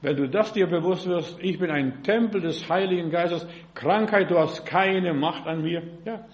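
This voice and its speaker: A man preaching a fervent sermon in German, punctuating his phrases with frequent "ja" and rising into emphatic bursts. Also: high-pitched. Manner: fervent, fills pauses with frequent "ja". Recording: dull lo-fi recording.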